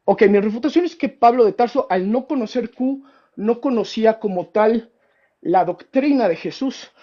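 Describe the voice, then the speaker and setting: During a heated debate on a call, a man with a Mexican Spanish accent presents himself as a historian. His very high voice comes at normal speed with the highs cut off. He interrupts, repeats words often, and talks down to the other person with a patronizing "mi estimado," or "my friend."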